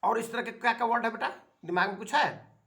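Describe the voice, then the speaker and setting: A man teaching a child spelling in a home lesson, coaxing patiently and repeating his prompts, his explanations halting and full of filler sounds. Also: very high-pitched, vocal fry, bright, forceful tone.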